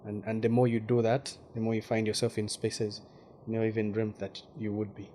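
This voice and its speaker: Speaking fairly quickly in a low, dark, monotone voice, a thoughtful Ugandan man from the west of the country appears as a guest journalist in casual interview talk. He repeats words while searching for them, and there's a faint hiss.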